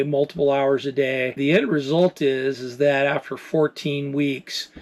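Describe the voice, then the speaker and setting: A man in his fifties candidly telling a personal recovery story to camera as an RV vlogger, determined and plainspoken with many fillers. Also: mid-range voice. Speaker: RV travel vlogger.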